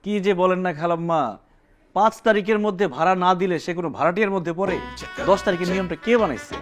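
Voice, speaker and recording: An actor playing a brash, boastful young man hunting for a flat, with a sing-song way of talking. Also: high-pitched, fast, music in the background, close to an everyday voice. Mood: bargaining. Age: young adult. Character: brash cocky young man, full of himself. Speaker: son looking for a flat.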